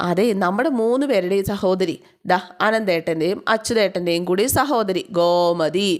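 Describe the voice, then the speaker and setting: A woman voicing a gentle, hurt young man who pleads softly with his sister. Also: mid-range voice, normal speed, close to an everyday voice. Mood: pleading.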